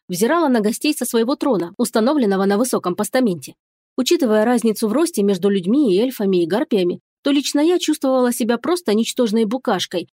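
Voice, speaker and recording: A woman narrating a first-person fantasy audiobook in an even, steady storytelling manner. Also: mid-range voice, no echo, studio quality.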